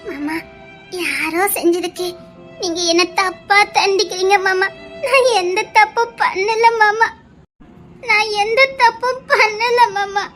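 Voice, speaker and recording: Woman acting as a naive young woman, very high voice, Tirunelveli Tamil accent, hesitant and stammering. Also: steady tone, brisk, faint music behind. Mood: sobbing plea. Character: naive young woman, trusting and easily tearful. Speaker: actress in a skit. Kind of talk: melodramatic skit acting.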